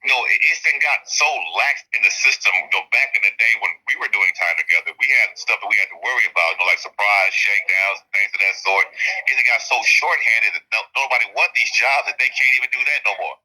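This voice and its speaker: A man's voice: lowish voice, a little fast, sharp tone. A man with an Alabama Southern accent giving candid, emphatic interview answers over a phone line, often repeating himself for stress. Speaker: prison inmate being interviewed.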